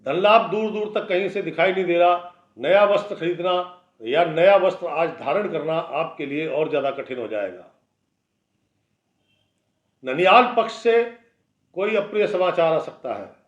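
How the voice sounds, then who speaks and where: A man's voice: a little high, expressive, a little slow. A man giving a daily horoscope as an astrologer, talking bluntly and warning listeners in a conversational, lecturing way. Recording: echoey room, dull lo-fi sound.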